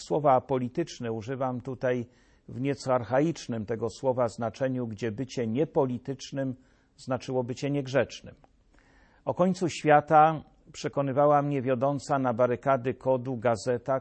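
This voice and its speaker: A man with a mid-range, slightly mellow voice, a political commentator, delivers scripted satirical commentary. He speaks directly to his listeners in a sarcastic, mock-solemn manner.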